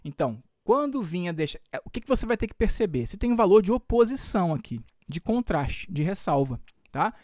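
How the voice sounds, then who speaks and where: Upbeat Brazilian teacher with a dry sound. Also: male voice, sits high, very animated, fairly quick, darkish tone, no echo. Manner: explains step by step with frequent check-ins like "tá?" and "tudo bem?". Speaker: Portuguese teacher. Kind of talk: exam-prep video lesson.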